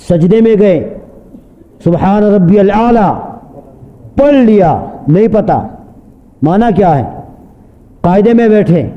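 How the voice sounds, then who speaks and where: A man preaching a sermon, asking his listeners rhetorical questions and slowly chanting verses of Quranic recitation. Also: sits high. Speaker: Islamic preacher. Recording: dull lo-fi hall reverb.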